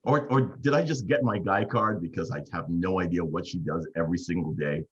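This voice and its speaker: A man's voice: sits low, brisk, husky, dull audio. A man hosting a casual business video call, playful and teasing, laughing often. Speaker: host.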